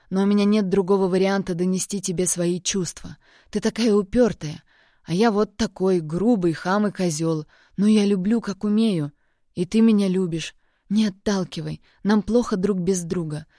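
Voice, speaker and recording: A woman reading an audiobook, voicing a rough young man who pleads bluntly with his girlfriend. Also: lowish voice, normal speed, dark tone, no echo, clean studio sound, close to an everyday voice. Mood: pleading.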